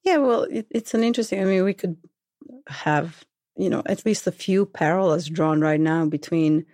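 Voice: medium pitch, normal speed, a little mellow, no echo, clean studio sound. A guest from Serbia speaking frankly and wryly in a casual interview. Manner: frank and wry, with light laughter.

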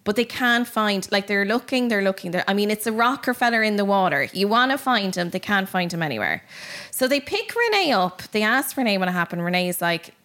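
A woman casually telling a true story on a podcast, animated and chatty with lots of fillers. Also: mid-range voice, brisk. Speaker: podcast host.

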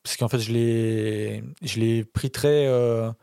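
A man's voice: medium pitch, fairly even intonation, takes it slowly, vocal fry, dark tone, clean tone, no room sound, clean studio sound. A man defending his film pick on a podcast, talking with lots of hesitations and restarts. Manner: hesitant, many fillers and restarts. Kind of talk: casual film podcast chat.

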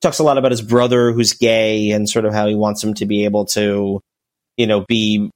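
A man's voice: fairly low pitch, level tone, moderate pace. A man co-hosting a casual sports podcast, talking at length with frequent restarts and filler words. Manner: rambling, full of restarts and "you know". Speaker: podcast co-host. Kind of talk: casual chat.

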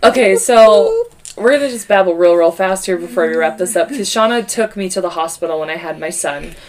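A young adult woman co-hosting a podcast, telling stories in a casual, profane, animated way into a podcast microphone. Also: on the low side, a little fast. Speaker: podcast co-host. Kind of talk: casual chat.

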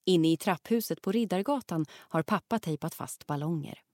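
A woman narrating a children's audiobook, reading lively and acting out the lines. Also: on the low side, dry recording, studio quality. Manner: lively, acts out the characters' lines.

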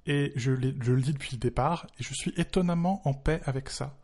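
A man's voice: mid-range voice, brisk, a little mellow. A man speaking as a tech journalist in a conversational commentary, emphatic and wry. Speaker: tech journalist, podcast co-host.

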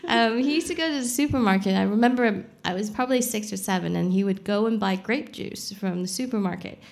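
A woman's voice: mid-range voice, brisk, vocal fry. A young adult woman, a champagne expert guest on a live podcast, explaining frankly and casually, swearing now and then. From Saudi Arabia.

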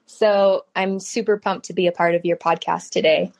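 With a lowish voice, level tone, and vocal fry, a woman in her thirties speaks at normal speed as a podcast guest. She's a startup founder from California, USA, with Mandarin Chinese as her first language, recounting her life story in a conversational interview.

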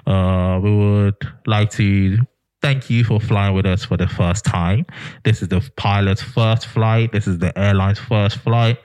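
A man putting on the voice of a calm airline pilot making cabin announcements, slow and deliberate. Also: fairly low pitch, clean tone, no room sound, voice pushed down, natural voice. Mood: mock-formal.

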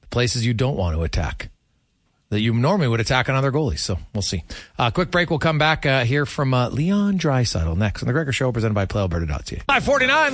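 Lively, swooping male sports radio host. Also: mid-range voice, dry recording, studio quality. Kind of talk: casual live radio presenting.

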